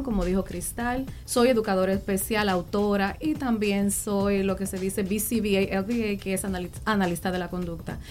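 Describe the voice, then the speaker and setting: A woman from the Republic, talking earnestly as a special education guest on a panel, often pausing and restarting. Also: mid-range voice, darkish tone. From Dominican Republic. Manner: earnest, with frequent fillers and restarts. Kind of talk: panel talk.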